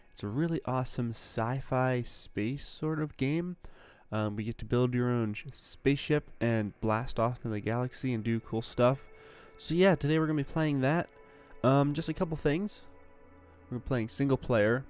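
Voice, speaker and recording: A man's voice: mid-range voice, a little mellow, smooth, no echo. Groggy young man chatting over gameplay. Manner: chatty, rambling, upbeat. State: groggy morning voice, a little congested. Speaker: gaming channel host. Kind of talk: casual gameplay commentary.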